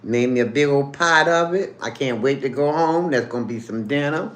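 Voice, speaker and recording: With an extremely low-pitched voice at a normal pace, a woman hosts a laid-back livestream while having lunch. Reverb fills the room as she chews, hums over her food, and calls her viewers honey and baby.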